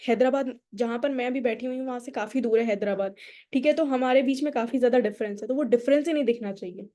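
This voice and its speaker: A woman from India with a neutral Indian accent speaks in a fairly high, mellow voice and talks fast. She's leading a public speaking workshop, explaining concepts in Hindi sprinkled with English and putting questions to the audience in this lecture.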